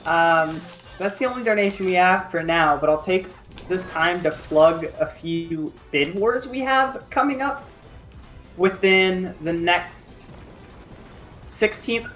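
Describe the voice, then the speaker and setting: Charity stream host, woman, very low voice, has hiccups, relaxed donation reads, faint music under. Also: takes it slowly. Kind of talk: reading donations and announcements.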